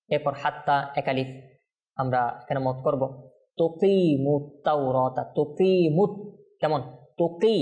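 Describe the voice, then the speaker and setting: A man's voice: medium pitch, darkish tone. Patient man teaching Quran pronunciation. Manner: patient, keeps checking in with listeners; demonstrates words slowly, drawn out. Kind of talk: tajweed lesson, explaining pronunciation rules.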